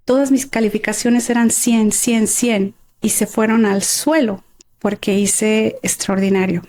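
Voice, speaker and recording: Warm, expressive Mexican woman telling her story. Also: medium pitch, measured pace. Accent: Mexican Spanish. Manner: expressive, emotional storytelling with frequent laughter. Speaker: interview guest. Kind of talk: personal life story in conversation.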